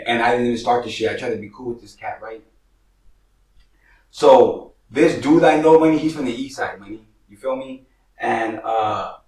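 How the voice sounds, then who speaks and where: A man in his forties from Northern California tells his own street stories in a streetwise, slangy way, with a middle-pitched voice. He keeps slipping in "money" and "you feel me" as he talks. He sounds a little distant from the mic, in an echoey room. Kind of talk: casual storytelling to camera.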